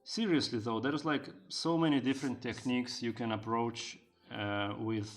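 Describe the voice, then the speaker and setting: Chatting casually on a live stream, a man who streams and develops games answers chat with plenty of fillers and jokes in broken learner Japanese. He speaks at a moderate pace in a medium-pitched, steady tone.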